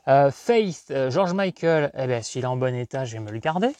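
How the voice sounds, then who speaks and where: A man in his thirties from France, talking casually about his finds in a rambling way, questioning himself and breaking into bursts of excitement. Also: mid-range voice, normal speed. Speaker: collector vlogger. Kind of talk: casual unboxing commentary.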